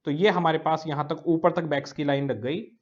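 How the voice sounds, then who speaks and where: A man's voice: a little high, steady tone, a little fast, highs cut off. A male teacher giving a recorded lecture. He explains step by step, repeating key words and often checking that students follow.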